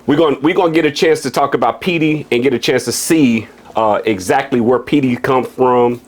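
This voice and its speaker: An upbeat man of forty, from Kansas City, hosts a podcast interview in easy, casual chat. His voice sits at an ordinary pitch for a man, and he keeps checking in with his guest as he talks. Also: moderate pace. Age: 40s. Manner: upbeat, keeps asking "you know what I'm saying". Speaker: podcast host.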